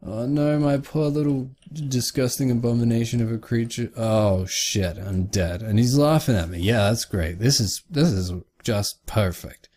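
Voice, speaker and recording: A man's voice: medium pitch, a little slow, few pauses. A man hosting a let's play, commenting on a game with frustrated outbursts and swearing. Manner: exasperated, swearing, loud outbursts.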